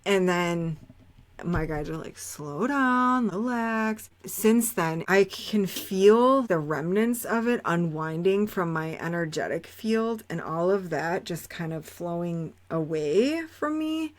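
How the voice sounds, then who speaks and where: A woman with a somewhat low voice hosts a podcast in a loose, rambling monologue. She speaks candidly and curses without holding back, circling her points with fillers and restarts. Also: animated, slow. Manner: candid, blunt, swears freely. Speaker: podcast host. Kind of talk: casual spiritual monologue.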